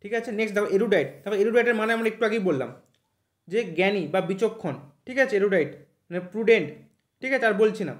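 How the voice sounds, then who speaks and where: Male tutor, quick high voice, keeps checking "thik ache?", roomy echo. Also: lively intonation. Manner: repeats "thik ache?" after nearly every point, spells words out slowly. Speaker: English teacher for exam preparation. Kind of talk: online vocabulary lesson.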